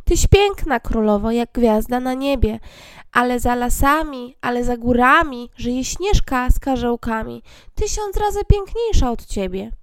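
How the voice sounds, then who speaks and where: A woman's voice: fairly high pitch, animated, measured pace, clear, resonant tone, no room sound, clean studio sound. A woman voicing a magic mirror in a fairy tale, speaking in a raised, sing-song rhyme. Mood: solemn.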